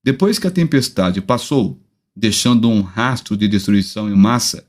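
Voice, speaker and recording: A man with a Brazilian Portuguese accent reads news aloud with casual asides as a pastor co-host, his speech a little slurred and slowed by a recently pulled tooth. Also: on the low side, a little mellow. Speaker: pastor co-hosting a talk show, reading news reports.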